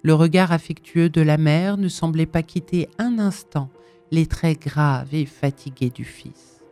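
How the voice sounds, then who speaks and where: A woman reading a classic novel aloud in measured, even narration. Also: low-pitched, faint music behind. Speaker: audiobook reader. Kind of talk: scripted narration.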